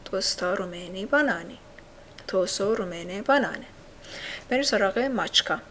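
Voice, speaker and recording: A woman in the middle of her range walks learners through a language lesson. She says each word slowly and repeats it for practice. A faint hiss of noise sits under her voice. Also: medium pitch, animated, fairly bright tone. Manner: patient, repeats words slowly and drills learners. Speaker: language teacher.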